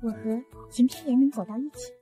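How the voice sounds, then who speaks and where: A woman's voice: a little high, fairly even intonation, brisk, mellow, soft background music, close to an everyday voice. A woman voicing a scheming young woman who pleads and wheedles in an audio comic story. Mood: pleading.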